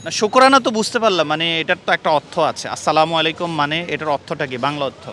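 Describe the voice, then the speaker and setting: A man's voice: a little high, quick pace, pushed and bright. A man hosting a street quiz interview outdoors, earnestly questioning passers-by and lecturing them. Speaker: street interviewer and channel host. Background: traffic and street noise.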